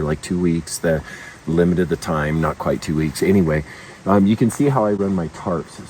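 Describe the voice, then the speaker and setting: Outdoors at a backcountry camp, a guide with a low-pitched, darkish voice leads a casual walkthrough, speaking plainly and quietly. Heard from a distant microphone, the recording carries outdoor background noise.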